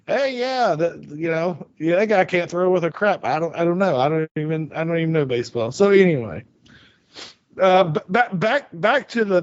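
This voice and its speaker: A man's voice: high voice, dry recording. A man in his forties telling a rambling story in casual chat, full of restarts and stammers. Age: 40s. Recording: dull lo-fi sound.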